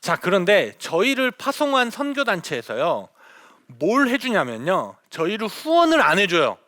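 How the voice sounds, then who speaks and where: A middle-aged man, a missionary, telling stories to an audience in a lively lecture, acting out the dialogue. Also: high voice, normal speed, dry recording, clean studio sound. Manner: animated storyteller, acts out quoted dialogue.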